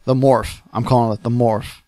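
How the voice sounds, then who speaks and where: Tired, joking male podcast co-host, mid-pitched voice, dry close recording, full of quick riffs. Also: little pitch movement, dark tone, dry recording. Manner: jokey, quick riffs, frequent laughs. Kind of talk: casual chat.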